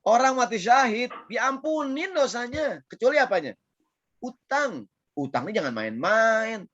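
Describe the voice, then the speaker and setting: A man preaching a casual sermon in a Jakarta Betawi accent, lively and playful, often checking in with his audience. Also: very high voice, measured pace, dry recording, lo-fi sound. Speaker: Islamic preacher. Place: online session.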